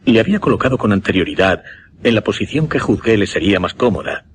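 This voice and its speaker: Close to an everyday voice, this man speaks on the low side with lively intonation as a solemn hypnotist relating a macabre experiment in Spanish radio drama. He uses a Castilian accent and measured, dramatic pauses; the mood is grave and suspenseful, with a little hiss or hum.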